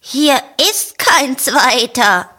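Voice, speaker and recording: Woman doing a bright, bleating storybook sheep, high and lively. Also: very slow, heavily acted. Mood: chirpy. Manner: bleating, chirpy. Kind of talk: storybook reading.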